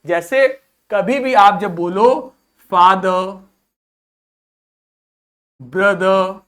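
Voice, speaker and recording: A man's voice: sits high, very slow, fairly bright tone. A male teacher giving a classroom vocabulary lesson, repeating each word and quizzing students to say it back. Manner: patient, quizzing questions to the students. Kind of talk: classroom pronunciation drill.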